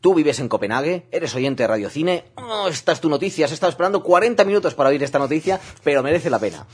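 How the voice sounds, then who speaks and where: Co-hosting a radio film show, this man jokes and chats casually, teasing his partner and laughing often. His voice is fairly high, slightly rough, fast and animated.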